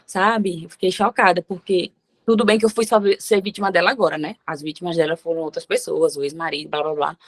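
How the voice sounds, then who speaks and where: A woman's voice: fairly low pitch, fairly even intonation, a little fast. A woman guest sharing a personal story with emphatic, religious phrasing. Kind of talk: personal testimony in conversation.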